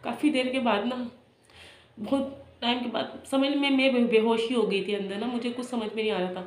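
A woman's voice: a little high, fairly even intonation. Woman retelling a loss in an echoey room. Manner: emotional, halting retelling with many restarts. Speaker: vlogger. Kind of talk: personal storytelling. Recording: echoey room with faint noise.

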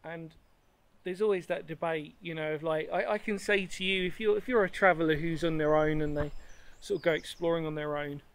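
A man in his thirties with a slightly higher voice walks through a sandstone cave and the surrounding woods, filming himself at arm's length. He rambles warmly about the spot, stops mid-thought and corrects himself, and sounds openly delighted to be there. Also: fairly even intonation, a little fast, smooth. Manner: rambling, enthusiastic, self-correcting. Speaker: history explorer vlogger. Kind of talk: walking vlog to camera. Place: outdoors in a sandstone cave and woodland. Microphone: handheld camera at arm's length.

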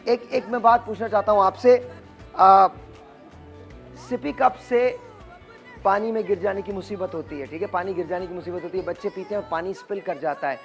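A man hosting a morning TV show in a studio, loudly urging the live audience to shout and clap. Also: high voice. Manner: energetic, rallies audience to shout.

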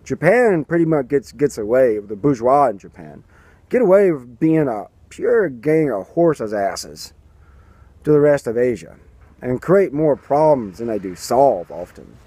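Outdoors near a garden and a building, a man in his thirties speaks into a camera held at arm's length, sarcastically mocking politics and doing silly voices for quotes. His mid-range voice is warm and husky, a little slow, with big pitch swings, on a dry recording.

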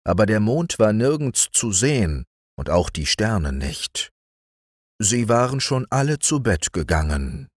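A man reads a fairy tale for sleep in a calm, soothing storyteller voice. His voice is low and unhurried, with lively pitch swings as he tells the tale. The recording is close and dry. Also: dry recording. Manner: calm, soothing bedtime reading. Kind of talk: audiobook fairy-tale narration.

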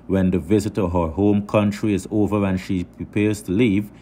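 A man reading a scripted news voice-over in a formal, measured way. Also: fairly low pitch, little pitch movement, dark tone. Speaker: news narrator. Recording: crowd and background noise.

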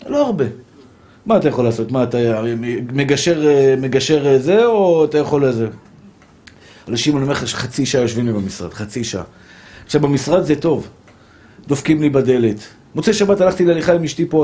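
High-voiced man preaching with emphatic repetition. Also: animated, mellow. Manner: emphatic, repetitive, addresses listeners as dear brothers. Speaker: rabbi. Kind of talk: Torah lesson to a live audience.

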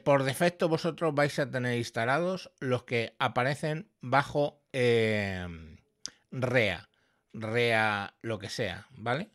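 A man with a mid-range voice presents a screen-recorded audio software tutorial, explaining slowly and patiently and constantly checking in with "¿vale?". His voice comes through as an echoey, processed signal run through audio effects.

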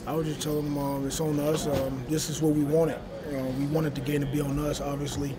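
Young male athlete, postgame presser, halting and measured, heavy crowd noise behind. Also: a little high, level tone. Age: young adult. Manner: measured, halting, many fillers. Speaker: college linebacker. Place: stadium concourse with crowd noise.

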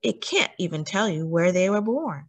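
A female story time host reads a children's picture book in a fairly low, sing-song voice. Her emphasis is deliberate and teacherly, and she poses questions to the young audience.

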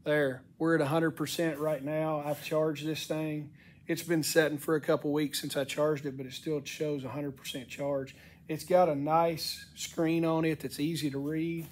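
Congested middle-aged man with a cracking, higher-set voice. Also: flat delivery, moderate pace, slight background noise. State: congested, voice cracking from sinus infection and allergies. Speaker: product reviewer. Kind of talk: casual unscripted product walk-through. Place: indoor wooden-shelved workshop.

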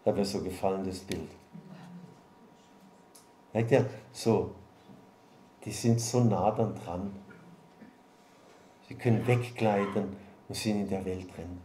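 A man preaching a sermon as a pastor, speaking in a lively way to his congregation with many repeated words and asides. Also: low voice, slow, pauses often. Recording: echoey room with faint background noise.

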